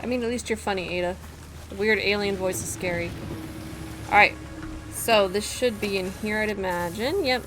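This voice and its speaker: A woman streamer giving casual gameplay commentary, excitable, thinking aloud and laughing often. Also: mid-range voice, normal speed, poor audio. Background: game music.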